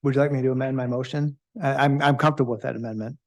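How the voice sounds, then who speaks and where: A man's voice: medium pitch, steady tone, racing. A man who is new to the commission, making a motion at a public meeting, tentative, polite and deferential.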